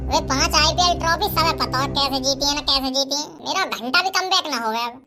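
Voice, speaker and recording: A woman voicing a cheeky, quick-tempered young village boy in a cartoon. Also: high-pitched, over music, lightly acted.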